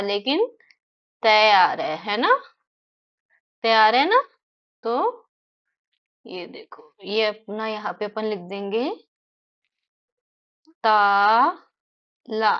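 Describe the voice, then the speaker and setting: A woman teacher explaining word sounds to young children, repeating each word slowly and checking in with them often. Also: fairly high pitch, highs cut off. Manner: slow, stretched-out repetition of words; frequent tag questions to children. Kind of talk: children's phonics lesson.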